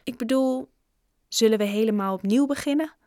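A woman plays a kind schoolboy friend who says things straight out. The voice is pitched up and close, with a dry sound. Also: normal speed, dark tone, no room sound, lightly acted. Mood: frank friend.

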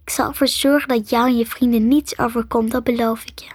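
A woman's voice: a little high, steady tone, brisk, darkish tone, no echo, clean studio sound. A woman voicing Crystal, a loyal dragon. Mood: dying, tender. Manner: breathy, fading whispers when dying. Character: brave female dragon, loyal and protective. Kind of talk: storybook reading.

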